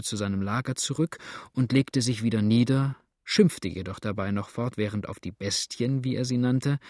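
A male narrator reads a story aloud in a steady, even manner. His pitch sits in a middling range. The sound is close and dry, with no room echo. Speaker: audiobook narrator. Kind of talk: scripted narration.

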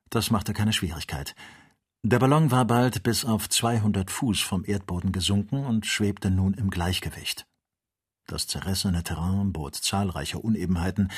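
A male narrator reading an audiobook in a measured, even way. His voice is low and slightly husky, and the delivery stays steady. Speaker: audiobook reader.

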